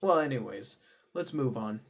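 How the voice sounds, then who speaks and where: A man's voice: animated, moderate pace, creaky. Rambling young man with a diary vlog. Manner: rambling, with many fillers and restarts; bursts into loud high exclamations. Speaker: vlogger.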